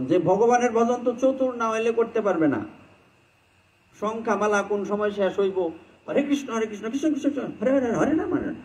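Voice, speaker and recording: High-voiced man giving a devotional sermon. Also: darkish tone, rough recording. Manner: conversational, chants mantra lines mid-talk. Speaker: Vaishnava preacher.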